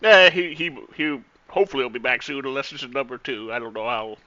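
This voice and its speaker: A man playing a tabletop game, joking in a deadpan way. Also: medium pitch, fast talker, no echo, dull audio. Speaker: player.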